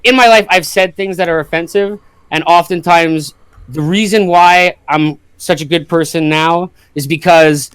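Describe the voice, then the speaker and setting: A man's voice: a little high, steady tone, moderate pace, fairly bright tone, smooth, dry recording. A man from Canada chatting casually, with slang and swearing. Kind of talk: casual chat.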